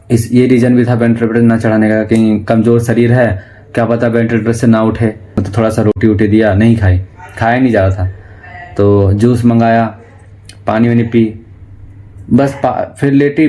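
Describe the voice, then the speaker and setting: Male family vlogger, deep-ish monotone, quietly grief-stricken, halting delivery. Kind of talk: personal recounting to camera.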